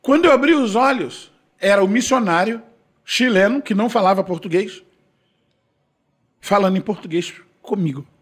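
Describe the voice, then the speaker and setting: A man who sings gospel shares his testimony animatedly, voicing the dialogue and shifting between loud and hushed. His high-sitting voice is husky, at a moderate pace.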